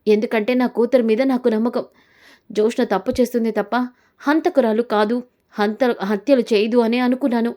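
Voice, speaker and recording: A woman's voice: a little high, fairly even intonation, a little fast, mellow, natural voice. A woman voicing a furious betrayed mother.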